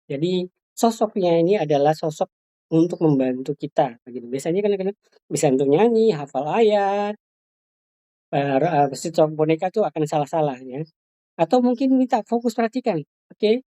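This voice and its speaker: A woman's voice: fairly low pitch, dark tone. A woman teaching ventriloquism to Sunday school teachers, explaining and demonstrating with frequent fillers and restarts. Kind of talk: hands-on workshop instruction.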